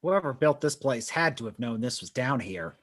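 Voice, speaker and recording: A man reading the part of a suspicious ghost hunter in a live script reading, in a lively, conspiratorial way. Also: mid-range voice, moderate pace.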